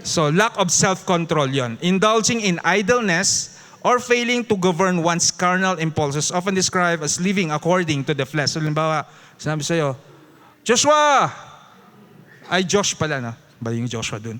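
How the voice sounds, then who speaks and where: Lively high-voiced Filipino preacher. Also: male voice, normal speed. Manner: lively, mixing English into Tagalog, with chuckles and audience prompts. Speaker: Bible study teacher. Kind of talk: Bible study sermon. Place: church.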